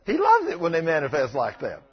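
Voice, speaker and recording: A man's voice: fairly high pitch, wildly swooping pitch, fairly quick, slightly rough, dull audio. A man preaching a folksy sermon, telling stories and bantering with his congregation.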